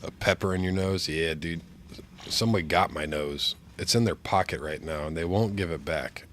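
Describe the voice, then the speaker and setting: Low-voiced, stuffed-up man with a pinched-nose sound. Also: a bit bright, a little hiss or hum. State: sick with flu, stuffed-up sinuses. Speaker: game streamer. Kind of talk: casual livestream chat while gaming.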